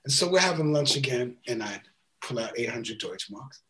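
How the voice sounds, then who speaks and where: A man from New York, a guest musician, telling a story in casual chat with lively, repetitive phrasing and some swearing. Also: medium pitch, normal speed. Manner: animated storyteller, repeats words, casual swearing.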